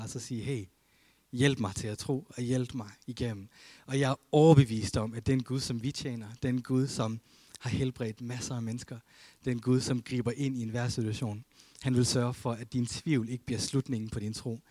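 A man preaching a sermon as a pastor, earnest, rising to emphasis and dropping to a hush, reading scripture aloud. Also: mid-range voice, dry recording. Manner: earnest, swings between emphatic and hushed.

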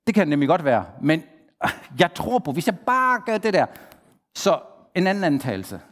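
A man preaching a sermon, lively, asking the congregation questions and acting out the people he quotes. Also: a little high. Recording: long hall reverb.

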